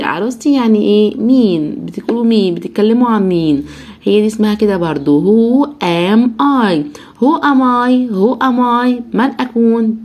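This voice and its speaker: A young Egyptian woman teaching children English, breaking each word into slow syllables and repeating it many times. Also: medium pitch, darkish tone. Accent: Egyptian Arabic. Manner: drills each word slowly, syllable by syllable, over and over.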